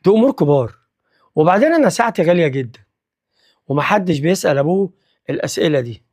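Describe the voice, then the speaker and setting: A man's voice: on the high side, sing-song, very fast, a little mellow. A man with an Egyptian accent voicing a busy, short-tempered middle-aged father who talks in curt, irritable bursts. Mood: irritated.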